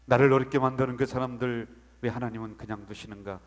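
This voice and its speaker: A male pastor giving a dramatic sermon in a church, swinging between loud outbursts and hushed whispers. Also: mid-range voice, fairly even intonation, quick pace. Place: church sanctuary. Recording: long church hall reverb.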